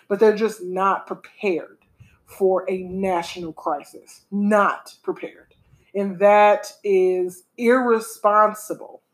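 Chatting from home as a podcast co-host, a woman with a medium-pitched voice is casual, animated and opinionated, peppering her talk with "y'all."

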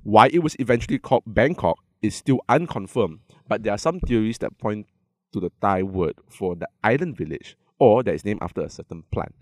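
A man's voice: fairly low pitch, animated, a little fast, no echo. A man with a Malaysian accent co-hosting a casual comedy podcast, speaking Malaysian slang English with local particles and plenty of swearing. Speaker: podcast co-host.

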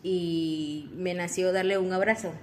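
A woman's voice: lowish voice, fairly even intonation, unhurried, a little mellow, a little hiss or hum. Young woman, podcast co-host, casual gossip storyteller, chatty and giggly. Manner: chatty, laughs often, rambling with restarts.

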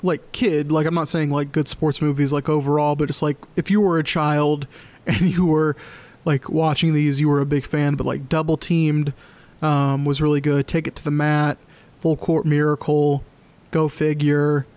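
A young man co-hosts a podcast in relaxed chat, leaning on "like" and small fillers between thoughts. His voice sits a bit higher than most men's. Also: normal speed. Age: young adult. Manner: filler-heavy, lots of "like". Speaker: podcast co-host. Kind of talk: casual chat.

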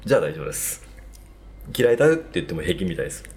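Low-voiced casual male podcast host. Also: very fast, slight background noise. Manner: casual, steady backchanneling, asks questions.

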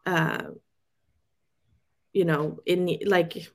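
A woman's voice: fairly low pitch, steady tone, extremely slow. Chatty woman guest. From Sweden. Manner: rambling, many fillers and restarts, laughs often. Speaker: guest photographer. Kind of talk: casual interview chat.

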